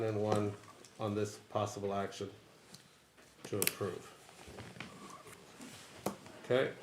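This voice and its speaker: A man chairs a formal public meeting in a businesslike manner. His voice is on the low side and stays very even. The room echoes, with noticeable background noise. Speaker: board chair running a county meeting.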